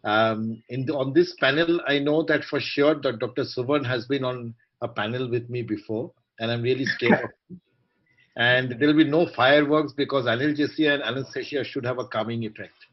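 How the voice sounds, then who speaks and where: An Indian-accented man with a polite, measured, articulate manner, moderating a formal online panel of doctors. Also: mid-range voice. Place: online video call. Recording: dull, muffled video-call audio.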